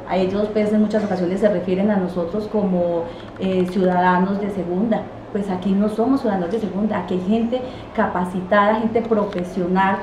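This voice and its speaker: A woman, a regional deputy answering interview questions emphatically and indignantly, in a small office. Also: mid-range voice. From Quindío, Colombia. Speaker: departmental assembly deputy. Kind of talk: interview answers, political criticism. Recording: roomy office with clear noise.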